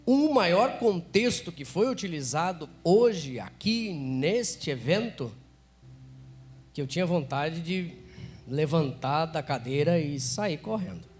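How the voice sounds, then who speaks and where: Brazilian man, high voice, public speaking lecture, energetic, quizzes the audience, live event hall. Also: takes it slowly, faint music behind.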